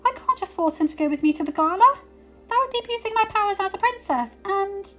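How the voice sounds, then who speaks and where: A woman's voice: very high voice, lively intonation, quick pace, fairly bright tone, pitched above the performer's own voice. A woman voicing a flustered young female pony princess who stammers, in a slightly dull recording with faint music behind.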